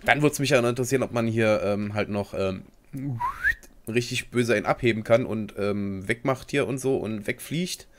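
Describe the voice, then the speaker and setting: A man's voice: on the low side, moderate pace, a little hiss or hum. A young man giving casual, rambling commentary as he plays a game, slangy and talking to himself. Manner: rambling and slangy, talks to himself while playing. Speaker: gaming video host. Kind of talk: casual let's play commentary.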